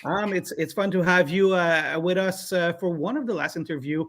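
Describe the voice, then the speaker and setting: A man hosting a live online interview, halting with many fillers and restarts. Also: high-pitched, fairly bright tone. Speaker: interviewer host.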